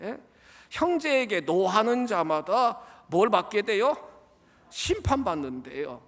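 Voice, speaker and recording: A man preaching a Sunday sermon as pastor, emphatic and calling out to his congregation, swinging between loud exclamations and hushed asides. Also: high-pitched. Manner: repeatedly addresses the congregation, asking them to repeat words. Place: church sanctuary.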